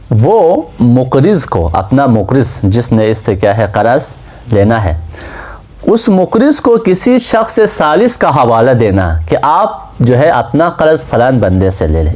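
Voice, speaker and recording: Lively-voiced male seminary lecturer. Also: mid-range voice. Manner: asks questions and answers them himself. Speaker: seminary teacher. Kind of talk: classroom lecture on Islamic law.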